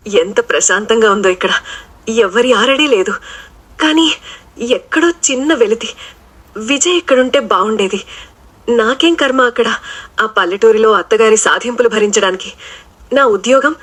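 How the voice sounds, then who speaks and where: A woman's voice: a little high, normal speed, long pauses, a bit bright. Brief: woman voicing proud young city daughter-in-law, reflective inner monologue, audio drama. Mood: wistful. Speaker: character voice.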